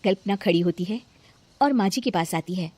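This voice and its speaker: A woman's voice: mid-range voice, a little fast, darkish tone, no room sound. A woman narrating a cartoon story in a plain storytelling manner.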